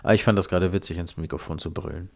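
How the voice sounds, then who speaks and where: A man's voice: low-pitched, fairly even intonation, rapid-fire, creaky. A man hosting a solo podcast, talking casually and rambling, with offhand swearing. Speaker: podcast host.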